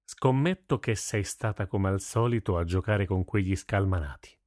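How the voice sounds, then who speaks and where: Man doing a gruff blacksmith dad, low voice, fed up, dry storybook read. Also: normal speed, a little mellow, dry recording, natural voice. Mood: needling. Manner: exasperated, scolding. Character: burly, gruff middle-aged blacksmith father.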